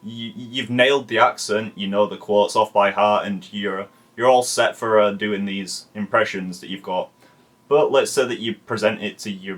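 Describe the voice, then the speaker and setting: A man's voice: fairly low pitch, fairly bright tone. A man talking through a commentary video in a chatty way, swearing casually and often saying "like". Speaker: video essay host.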